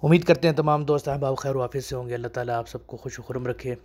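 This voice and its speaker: Guy teaching a casual lesson, says each phrase slow and repeats it a bunch, medium voice. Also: mid-range voice, fairly even intonation, a little mellow. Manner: repeats phrases slowly and drills pronunciation. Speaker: Arabic teacher. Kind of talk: casual spoken language lesson.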